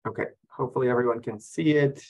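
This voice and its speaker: A man's voice: mid-range voice, steady tone, fast talker, darkish tone, poor audio. Ecuador-born man giving a seminar talk. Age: 40s. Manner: friendly, explanatory, light self-deprecating humor. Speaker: guest speaker, fisheries biologist. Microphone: video call.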